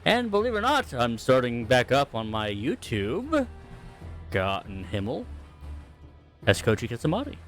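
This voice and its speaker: A man's voice: mid-range voice, huge pitch swings, fairly quick, hardly any pauses. Male game master, rambling, self-correcting, tabletop recap, faint background music.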